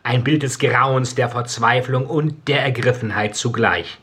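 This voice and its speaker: A man with a slightly husky, breathy tone reads from a novel he wrote himself. His delivery is slow and measured, with pauses that let each phrase land. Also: mid-range voice, fairly bright tone. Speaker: author. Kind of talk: reading his own novel aloud, then commenting.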